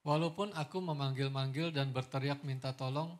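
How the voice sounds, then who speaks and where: A man reading scripture aloud during a sermon at a steady, measured pace. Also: mid-range voice. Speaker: scripture reader.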